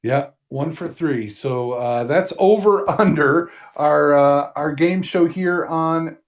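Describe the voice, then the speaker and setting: A man's voice: fairly high pitch, slow. A man co-hosting a podcast in easygoing casual chat, a little hesitant as he goes. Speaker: podcast co-host.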